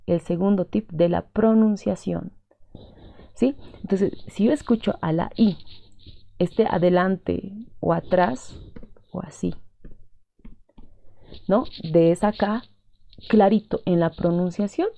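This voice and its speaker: A woman with a low-leaning, creaky, dark voice and a Peruvian Spanish accent teaches a language class step by step. She's patient, repeats her points and keeps checking on her students. The audio is dull and lo-fi.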